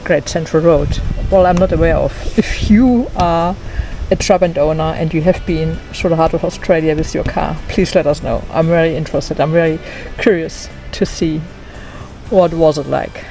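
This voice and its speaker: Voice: medium pitch, normal speed, darkish tone, faint music behind. A middle-aged vlogger from East Germany with a German accent, chatting casually and chuckling at their own jokes. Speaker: travel vlogger. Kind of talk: casual vlog narration.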